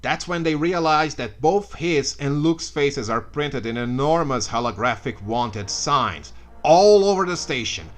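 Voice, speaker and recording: A man's voice: on the high side, animated, a little slow, faint music behind. A man narrating a comedic retelling of a story with sarcastic asides and mock outbursts.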